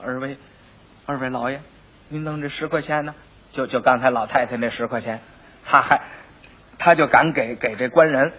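A man's voice: on the high side, a bit bright, husky. A man voicing a cowardly male quack medicine seller who fawns and stammers, on a dull old recording. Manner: fawning, stammering.

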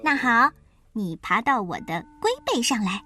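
A woman voicing Keke, a curious and eager little turtle child, in a storybook, with high, lively questions. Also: moderate pace, faint music behind.

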